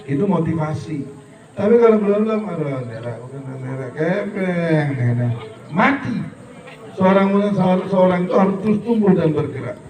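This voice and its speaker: In a school hall, a middle-aged man gives a lively, high-pitched religious talk at normal speed while a crowd is heard in the background. The lecture is jokey, with regional-dialect impressions in quoted lines, and preachy as he urges students to keep growing. The hall is echoey and he's recorded from a distance.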